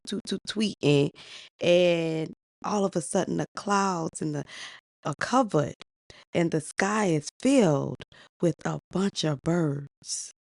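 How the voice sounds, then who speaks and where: Low-voiced sassy woman storyteller. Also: darkish tone, no echo. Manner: sassy, chatty asides. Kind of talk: casual oral storytelling.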